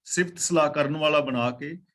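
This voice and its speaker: A man teaching a scripture class, reciting verses slowly and then explaining them in plain talk. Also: on the high side, fairly bright tone. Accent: Punjabi. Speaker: katha teacher.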